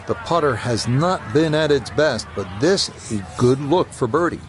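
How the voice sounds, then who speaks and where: A man giving golf commentary as the play-by-play announcer, calling shots in a measured, understated way. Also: mid-range voice, expressive, a little hiss or hum. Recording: background music and crowd sound.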